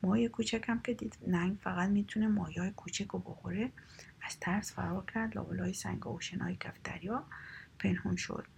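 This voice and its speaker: A woman reading a children's story aloud in a soft, half-whispered storytelling voice. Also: medium pitch, fairly even intonation, creaky, slight background noise.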